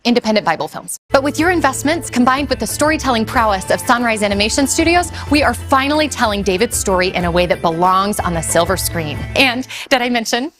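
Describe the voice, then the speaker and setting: A woman's voice: fairly high pitch, expressive, quick pace, few pauses, fairly bright tone. A woman reading an upbeat, salesy promotional voice-over with playful asides. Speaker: ad narrator. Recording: voice-over with clear music behind. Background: music.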